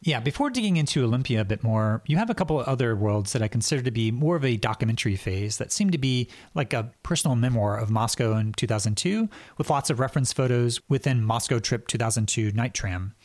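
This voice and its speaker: A male interviewer with a medium-pitched voice asks thoughtful, appreciative questions. The recording is dry and close. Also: expressive, quick pace, hardly any pauses, darkish tone, no echo.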